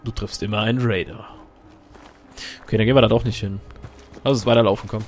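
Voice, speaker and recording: A man's voice: fairly low pitch, fairly even intonation, quick pace, faint music behind. A man giving casual, joking let's play commentary while he plays, talking to himself and his companion.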